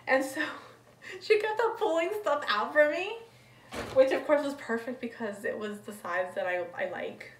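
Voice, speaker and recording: A woman chatting casually through a haul vlog, rambling as she describes each item one by one, recorded at home. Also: on the high side. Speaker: thrift reseller vlogger. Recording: roomy, distant mic, faint ambience.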